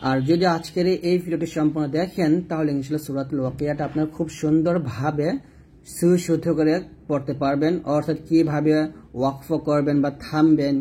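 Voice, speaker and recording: Man teaching slow chanted recitation. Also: a little high, mellow, a little hiss or hum. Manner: explains letter by letter, then chants verses slowly with drawn-out vowels. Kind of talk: recitation lesson.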